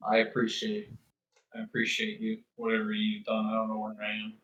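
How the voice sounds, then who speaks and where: A man's voice: on the low side, monotone, a little fast, fairly bright tone, echoey room, recorded from a distance, highs cut off, slight background noise, lightly acted. A man voicing a dazed seven-year-old boy in a poor put-on German accent. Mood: bewildered. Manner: bewildered, plaintive.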